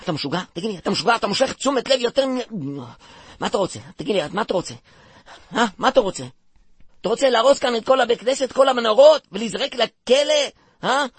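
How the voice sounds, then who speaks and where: A man playing a bumbling, stammering man who cracks silly puns while trying to smooth things over in a comic radio play. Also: extremely high pitch, expressive, dry recording, full character voice. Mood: scolding.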